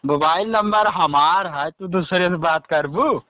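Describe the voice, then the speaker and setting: A man's voice: fairly high pitch, measured pace, sharp tone, no room sound. A man with a rustic eastern Uttar Pradesh accent, talking casually and insistently as a customer on a phone call, often repeating himself. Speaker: telecom customer on a support call. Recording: dull, dry phone recording.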